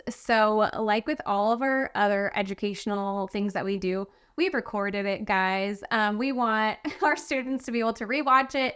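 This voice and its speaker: A woman's voice: on the high side, fairly bright tone, smooth. A woman in her thirties co-hosting a podcast, chatting casually with many fillers and easy laughs. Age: 30s. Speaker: podcast co-host.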